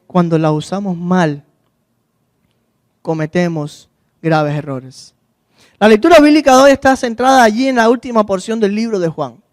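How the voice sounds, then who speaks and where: A man's voice: extremely high pitch, no echo, studio quality. A male pastor giving a sermon, asking the congregation questions and acting out the voices in the Bible story. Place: church.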